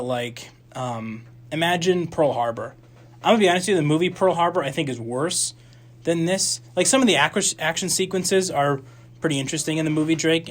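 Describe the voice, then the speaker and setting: A young man co-hosting a campus radio movie show, talking casually in a rambling, animated way full of restarts and fillers. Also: fairly high pitch. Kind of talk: casual movie review chat.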